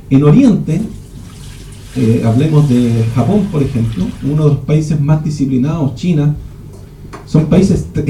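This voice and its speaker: Dark-voiced man teaching at a retreat. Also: a little high, a little hiss or hum. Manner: rambling with frequent restarts. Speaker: retreat speaker. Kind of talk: teaching talk at a church retreat. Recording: echoey room.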